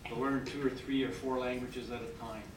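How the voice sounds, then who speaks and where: A fairly quick, level-toned man of medium pitch, older, Canadian, and French-speaking first, addresses new citizens with encouragement in a ceremonial speech. He asks "okay?" again and again. Far-off miking in the echoing, noisy hall frames his words.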